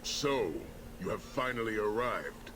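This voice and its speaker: A man's voice: on the low side, lively intonation, a little slow, background noise. A man voicing a brooding dead villain returned as a shadow in a fantasy video game, speaking with formal menace. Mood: menacing.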